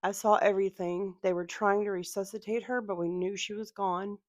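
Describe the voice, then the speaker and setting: A woman's voice: medium pitch, fairly even intonation, a little fast, no echo. A woman vlogger telling a personal story to her viewers in an earnest, direct way.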